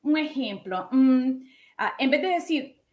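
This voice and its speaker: A woman in her thirties giving a casual online English lesson in a lively, chatty way, often asking her listeners questions. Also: high-pitched, a little slow. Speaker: English teacher.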